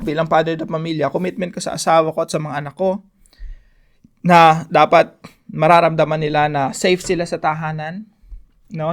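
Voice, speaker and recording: A middle-aged man with a Filipino accent giving a devotional Bible teaching as a pastor, emphatic and repeating key phrases, switching between English and Filipino. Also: a little high. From Philippines.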